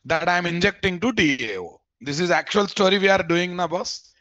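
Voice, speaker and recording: A programming instructor with a Telugu Indian accent runs a live coding lesson in an informal way, speaking familiarly to learners, repeating phrases and asking questions to check they follow. His voice is high, brisk and a bit bright. The audio is dull, with no room sound.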